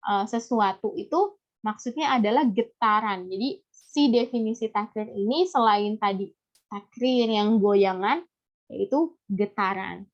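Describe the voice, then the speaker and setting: An Indonesian woman teaching a recitation lesson in a halting, explanatory way, with a slight impediment on her rolled r. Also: mid-range voice. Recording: dull, lo-fi audio.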